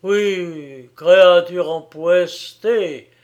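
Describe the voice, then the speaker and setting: A man reading an audiobook, voicing a furious young man who lashes out in loud, raging outbursts. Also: on the high side, fairly even intonation, slow, muffled recording.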